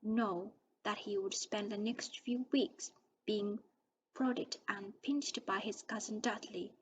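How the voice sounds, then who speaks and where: A woman reading a storybook aloud in a soft, often whispered voice, with small slips along the way. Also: medium pitch, steady tone, takes it slowly, slight background noise, poor audio.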